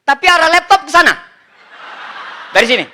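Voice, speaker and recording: A man telling a comic story to a seminar audience as a motivational speaker, animated and exclaiming, acting out what others said. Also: very high-pitched, a little fast, slight background noise. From Indonesia.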